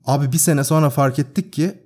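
A man co-hosting a podcast, telling a story in a casual, animated way and often laughing at himself. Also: fairly high pitch, brisk, slightly rough. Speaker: podcast co-host.

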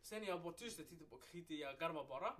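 A young man co-hosting a podcast, chatting casually and telling an animated story full of street slang and swearing. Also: fairly high pitch, a loud crowd. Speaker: podcast co-host. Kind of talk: casual chat. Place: podcast recording room.

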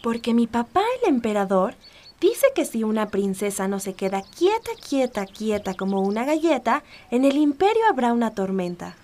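A woman's voice: a little high, very animated, normal speed, mellow. A woman playing a sweet, obedient young cartoon princess in a children's audio story. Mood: prim, explaining.

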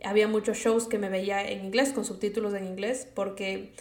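A woman's voice: medium pitch, level tone, brisk, a little mellow, echoey room. A young woman from Latin America with a Latin American Spanish accent, chatting casually and giving advice, dropping English words into her speech. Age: young adult. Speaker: vlogger.

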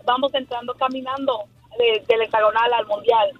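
A woman calling in to a sports radio show, hoarse from yelling, chatting casually as a fan. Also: fairly high pitch, fairly even intonation, moderate pace, no room sound. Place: on a phone call to a radio show. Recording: dull band-limited phone line, music behind.

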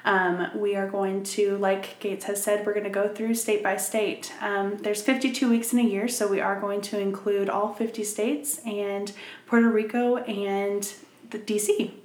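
A woman's voice: mid-range voice, level tone, unhurried, darkish tone. A woman from Minnesota co-hosting a true crime podcast, upbeat with wry quips. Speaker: podcast co-host. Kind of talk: casual true crime chat. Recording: roomy echo.

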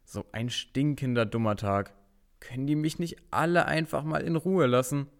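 A man's voice: medium pitch, normal speed, clear, resonant tone, close to an everyday voice. A man voicing a grumpy little brother who grumbles and complains about everything, in a children's audio drama. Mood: fed up. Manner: grumbling, sulky, constantly complaining.

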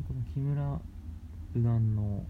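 A man talking casually as a radio host, explaining things in halting, phrase-by-phrase steps. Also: mid-range voice. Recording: muffled lo-fi with faint background noise.

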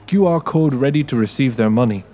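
Narrating a dramatized story in character, a man voices a wary, streetwise ex-con in a tech dystopia. His medium-pitched, mellow voice is expressive and a little fast, with soft music playing behind.

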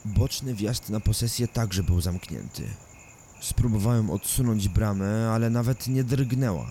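A man narrating a first-person thriller audiobook in a calm, measured storytelling manner. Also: on the low side, slight background noise.

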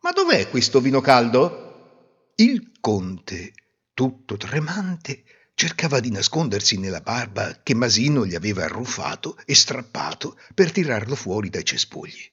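A man narrating a folk tale in an expressive storytelling manner. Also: lowish voice, measured pace, husky. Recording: roomy reverb, dull lo-fi sound.

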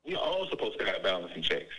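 A man with a low voice speaks over a prison phone line, fervent and insistent, peppering his points with "you know what I'm saying". His tone is bright and forceful, with a husky edge. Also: very animated, fast talker. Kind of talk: impassioned phone call.

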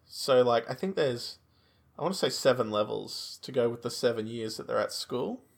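An Australian man with a noticeably creaky, mid-pitched voice co-hosts a podcast. He chats casually, telling anecdotes in a conversational way. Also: lively intonation, normal speed. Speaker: podcast co-host.

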